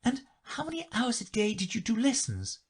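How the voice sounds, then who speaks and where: Man doing a young girl, curious, earnest, high voice, breathy edge. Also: huge pitch swings, moderate pace, heavily acted. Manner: raised, earnest and questioning.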